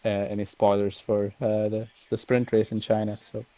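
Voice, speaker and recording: A man talking casually after winning a sim race, halting with many fillers and restarts. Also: lowish voice, monotone, mellow, dry recording. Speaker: sim racing driver, race winner. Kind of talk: casual post-race interview.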